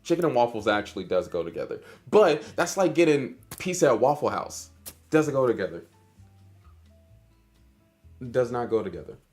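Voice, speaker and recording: This is a man, hosting a casual livestream chess lesson. He jokes with his chat and sounds hyper, and his pitch swings widely from line to line. Faint music plays behind him. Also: normal speed, pauses often. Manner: animated, joking with chat, hyper. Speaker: chess streamer and teacher.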